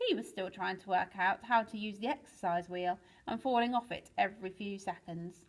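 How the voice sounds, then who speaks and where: A woman's voice: medium pitch, a little fast, rough recording. Woman reading a children's story aloud. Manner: lively storytelling with big swings for excitement. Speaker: teacher reading to pupils.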